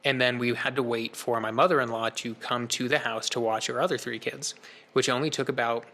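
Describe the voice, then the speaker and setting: A man in his thirties, a podcast co-host, telling a personal story in a lively, casual way with quick asides. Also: medium pitch.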